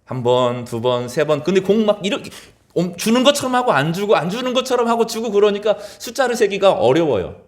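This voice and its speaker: A middle-aged male pastor preaching with a lively, swinging delivery. His voice sits a little high and climbs sharply when he voices questions, then sinks low and soft as phrases end. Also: brisk, few pauses. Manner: animated preaching, voice rising high in acted quotes and dropping low at phrase ends. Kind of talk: sermon.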